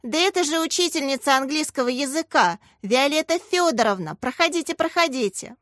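A woman doing an excited little schoolgirl from a storybook, squealing high and quick. She bursts in with delight at every guest. The sound is dry and close. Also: no echo.

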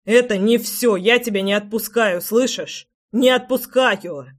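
A woman's voice: fairly high pitch, measured pace. Damien, a woman voicing a furious male clan leader. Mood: shouting. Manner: shouting, bitter.

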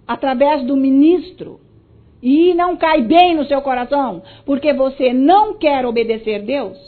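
A woman with a Brazilian Portuguese accent preaching a sermon emphatically, moving between loud stresses and soft asides aimed at her listeners. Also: high voice. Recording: tinny phone-like audio.

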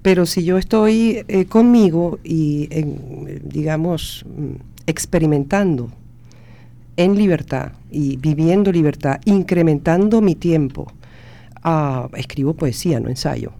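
Mellow-voiced woman poet speaking thoughtfully. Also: low voice, expressive, gravelly. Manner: thoughtful and reflective, pausing to search for words. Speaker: poet, interview guest. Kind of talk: radio interview answers.

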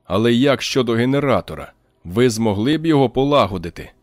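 A man reading an audiobook, giving a calm, ironic male trader slow, measured lines. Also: medium pitch, no echo, clean studio sound, close to an everyday voice. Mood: probing.

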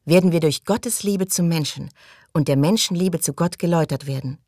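A woman's voice: lowish voice, brisk, darkish tone, dry recording, studio quality, lightly acted. A woman reading the lines of a fervent, pious woman who turns whiny in an audiobook.

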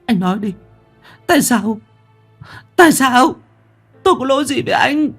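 A man's voice: very high-pitched, animated, normal speed, fairly bright tone, husky, faint music behind, pitched above the performer's own voice, heavily acted. A man voicing a furious, betrayed young village wife who screams and accuses. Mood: shrieking, furious. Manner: screaming, hysterical.

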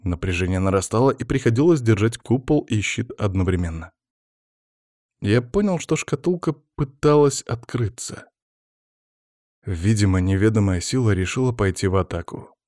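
A man narrating a fantasy audiobook in the first person, in an even, measured storytelling manner. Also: lowish voice, no echo, clean studio sound.

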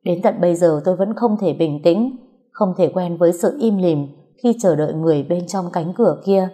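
A woman narrating a first-person story in a soft, steady, scripted way. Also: fairly low pitch, moderate pace, breathy edge.

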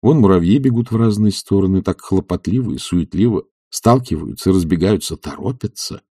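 A man narrating a classic novel, reading with theatrical expression and a lively, wide-ranging pitch. His voice is mellow and husky. The recording is close and dry. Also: fairly quick, dry recording. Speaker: audiobook narrator.

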